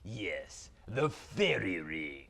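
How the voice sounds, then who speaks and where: A man playing Zaltar, a gravelly villain prince. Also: sits low, big pitch swings, very slow, fairly bright tone, full character voice. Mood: pompous. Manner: theatrical, haughty, sometimes slips into a stage whisper. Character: pompous grand male sorcerer villain prince. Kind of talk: comic product skit.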